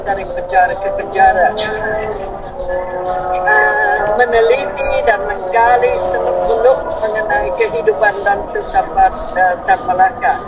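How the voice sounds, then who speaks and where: An older woman with a foreign accent, giving a semi-formal speech as a foreigner speaking stiff, halting Indonesian. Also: medium pitch, very animated, loud music behind the voice, low-quality recording. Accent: foreign, non-Indonesian. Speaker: author and translator speaking at a book discussion. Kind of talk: prepared thank-you speech, semi-formal.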